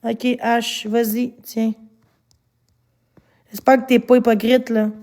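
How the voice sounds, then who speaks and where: A woman's voice: a little high, level tone, takes it slowly, darkish tone. A woman with a Québécois accent, streaming live and angrily scolding her chat, swearing often. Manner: angry, swearing, scolding viewers. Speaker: livestreamer.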